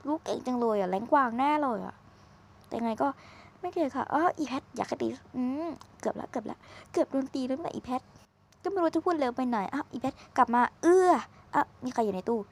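A woman's voice: sits high, expressive, quick pace, creaky, a little mellow, a little hiss or hum. A woman giving casual, chatty commentary while playing a video game, teasing and exclaiming as she goes, recorded at a desk microphone. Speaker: gaming streamer.

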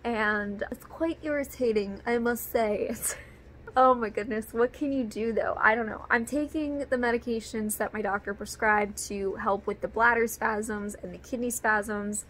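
A woman vlogger with a hoarse voice, chatting casually and rambling, with lots of ums and trailing thoughts. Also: fairly high pitch, fairly even intonation, moderate pace, fairly bright tone, a little hiss or hum. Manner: chatty and rambling, with frequent fillers. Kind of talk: casual vlog chat.

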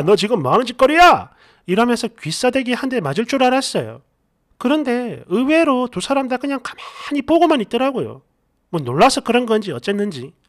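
A man narrating a first-person story in a dramatic, expressive way. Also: high voice.

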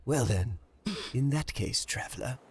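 A man playing a proud goblin-like potion merchant in a video game, giving a gruff, haughty pitch full of grave warnings in a raspy voice. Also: lively intonation, measured pace, crowd noise. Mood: grudging respect.

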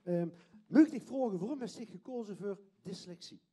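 A man in his fifties with a Limburgish Dutch accent hosts live on a theatre stage before an audience, holding a handheld microphone as he presents and chats with contestants. A schoolteacher, he speaks in informal, hesitant phrases with a high, expressive, dark voice at a moderate pace, edged with breathiness.

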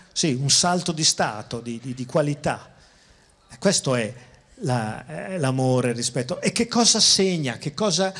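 A man giving a public philosophy lecture, speaking conversationally to the audience and slowing down to stress key words. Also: a little high. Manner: conversational, addresses audience directly, repeats and restarts phrases. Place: outdoor town square.

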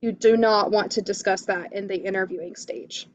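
A woman's voice: medium pitch, steady tone, moderate pace, muffled recording, a little hiss or hum. A woman career coach giving interview tips in a webinar, enthusiastic, with lots of "you know" and "um". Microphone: video call.

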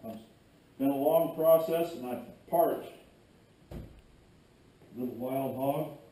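A middle-aged man rambles through a casual how-to vlog, tossing out jokes and asides as he works. His voice is mellow and relaxed. He is picked up by a camera a few steps away in a roomy, echoey garage with a faint hum behind him. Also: mid-range voice, takes it slowly. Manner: joking, rambling, chatty asides while working. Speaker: fishing video host. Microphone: far camera on a tripod.

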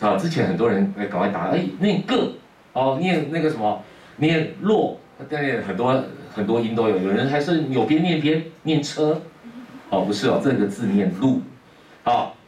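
A man's voice: medium pitch, darkish tone, a little hiss or hum. A man teaching a class, telling a story animatedly and quizzing his students. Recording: roomy classroom from a distance.

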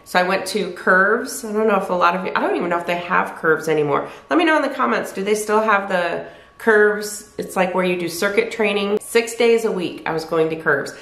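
Sitting by the fireplace in her living room, a woman in her fifties who vlogs about weight loss rambles candidly to the camera, correcting herself and restarting sentences often. Her voice is on the low side and a little bright. It's recorded by a camera at desk distance in an echoey room.

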